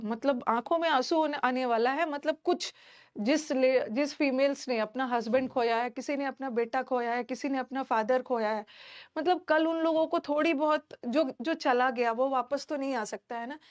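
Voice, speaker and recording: An Indian woman teaching online, talking to her students in a chatty, emphatic way and filling pauses with "theek hai". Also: high voice, darkish tone. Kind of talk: casual classroom talk to students.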